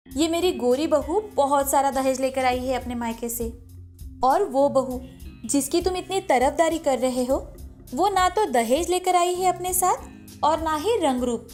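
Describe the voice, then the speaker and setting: Harsh taunting old mother-in-law played by a woman, domineering, high-pitched, cartoon story, faint music behind. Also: unhurried, a little mellow. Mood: scornful.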